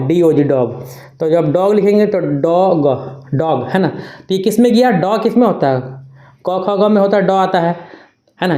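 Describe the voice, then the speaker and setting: A woman's voice: medium pitch, darkish tone, echoey room. A woman teaching a beginners' grammar lesson, repeating points and checking in often. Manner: repetitive, keeps checking with "na". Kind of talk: classroom lesson.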